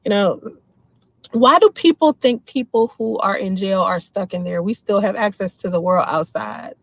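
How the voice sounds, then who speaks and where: A woman in her forties from the Washington, D.C. area hosts a casual livestream, speaking her mind as she answers viewer comments. Her mid-range voice moves at normal speed, with no echo.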